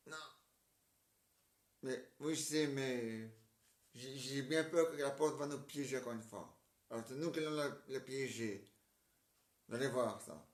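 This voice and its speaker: A man acting out a comic play and switching between roles, halting and stammering as he repeats his words. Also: medium pitch. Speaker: amateur stage performer. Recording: roomy, distant mic.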